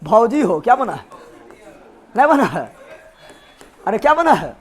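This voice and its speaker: A man's voice: sits high, big pitch swings, measured pace, a faint crowd. A man teaching a live online revision class, joking and quizzing his students with memory tricks. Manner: playful, joking, repeats questions to students. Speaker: exam coaching teacher.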